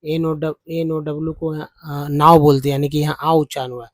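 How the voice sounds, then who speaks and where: A man's voice: fairly high pitch, little pitch movement, a little fast, no room sound. A man teaching English spelling and pronunciation in a patient lesson, repeating each sound several times.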